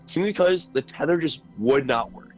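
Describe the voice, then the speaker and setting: A man's voice: on the high side, expressive, normal speed, faint music behind. A man in casual gaming chat with friends, blunt and opinionated, swearing freely.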